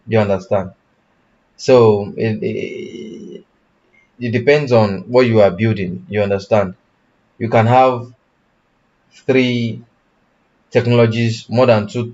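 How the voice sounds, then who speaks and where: A man teaching blockchain development in a live online class, pausing often and correcting himself, and checking in with "you understand?". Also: fairly low pitch, darkish tone, highs cut off. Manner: halting, self-correcting, asks "you understand?". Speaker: tech instructor.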